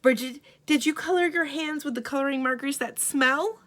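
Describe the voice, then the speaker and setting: A woman voicing an excitable, easily alarmed mother in a storybook, with exclamatory, dramatic delivery. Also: high voice, moderate pace, voice pushed up. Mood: suspicious, dismayed.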